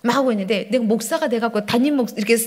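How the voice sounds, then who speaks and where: A woman pastor preaching a church sermon, telling stories in an animated way and acting out her own prayers. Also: on the high side, very fast. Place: church sanctuary.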